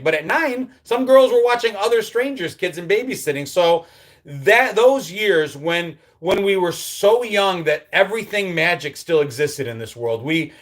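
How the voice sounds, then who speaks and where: On his live stream, a middle-aged man from upstate New York reads viewer comments aloud and answers them in a casual, reminiscing chat. His voice is slightly high for a man, and his relaxed, nostalgic delivery is full of ums, with sentences that fade off softly at the end.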